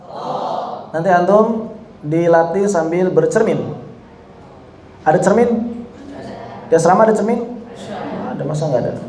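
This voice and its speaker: A man teaching Quran recitation rules, explaining each rule and then slowly demonstrating phrases for students to repeat, correcting common mistakes. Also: high voice, expressive, warm tone, reverberant, slight background noise. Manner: drills slow example phrases for students to repeat. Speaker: tajwid teacher.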